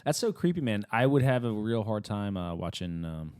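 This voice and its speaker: A low-voiced man co-hosting a podcast in casual chat, cursing often and getting animated. His voice sits close and dry on the mic, with no room sound around it. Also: moderate pace, clean tone, no room sound. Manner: profane, animated, laughs easily. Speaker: podcast co-host.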